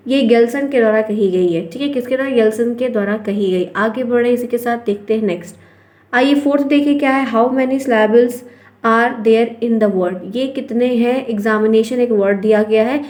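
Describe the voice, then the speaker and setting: Woman teacher, Indian accent, higher voice, step-by-step exam lesson. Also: a little mellow. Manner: explains step by step, addresses viewers as friends.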